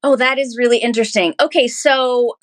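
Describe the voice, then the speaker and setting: A woman from Canada with a fairly high voice tells her story as an interview guest. Her delivery is casual and chatty, like an animated storyteller. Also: brisk. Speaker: guest, musical theatre performer and content creator.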